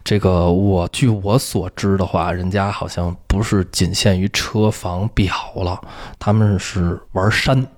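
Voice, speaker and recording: A man's voice: sits low, steady tone, a little slow, a little mellow. A man with a Beijing accent explaining things in casual talk as a feng shui expert, emphatic, repeating phrases and answering his own questions.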